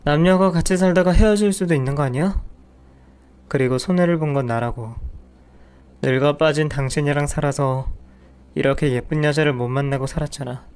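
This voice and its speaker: A man's voice: fairly high pitch, fairly quick, darkish tone, smooth, close to an everyday voice. A man voicing a harsh, dismissive husband who scorns his wife in a narrated audio drama. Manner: contemptuous, curt.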